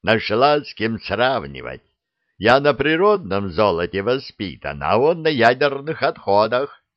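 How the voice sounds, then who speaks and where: Storybook dragon, old, huffy and grumbling, read by a man, slow and lecturing. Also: medium pitch, very animated, dry recording. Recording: dull dry recording.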